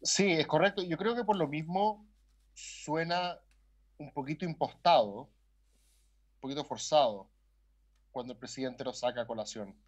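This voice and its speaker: A man, a guest philosopher on a panel, speaking in a measured way. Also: a little high. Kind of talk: panel discussion.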